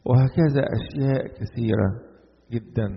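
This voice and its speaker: A man with an Egyptian Arabic accent preaching a sermon, asking rhetorical questions and swinging between emphatic bursts and low, quiet lines. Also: normal speed, gravelly, slightly rough. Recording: lo-fi recording in a reverberant hall.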